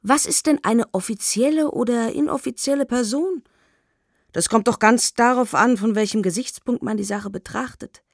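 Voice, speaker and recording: A woman's voice: a little high, moderate pace, no room sound, studio quality, pitched above the performer's own voice. A woman voicing a lanky, fawning male trickster with a ringing, brash tenor and an effusive, slippery manner.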